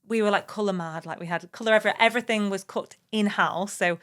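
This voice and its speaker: Casual: upbeat podcast host lady, medium pitch, keeps agreeing. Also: fairly bright tone. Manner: enthusiastic, quick to agree and laugh.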